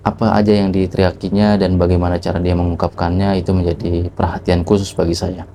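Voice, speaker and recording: A man's voice: low-pitched, flat delivery, fast, mellow, slight background noise. A man telling a reflective motivational story to the camera, asking rhetorical questions as he goes. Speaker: vlogger.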